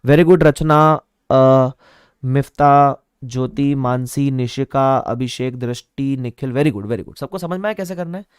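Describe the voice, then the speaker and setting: A man's voice: mid-range voice, a little slow, clean tone, dry recording, studio quality. A man teaching an online class, repeating key points with playful asides. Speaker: online exam-prep teacher. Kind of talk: lively classroom lecture.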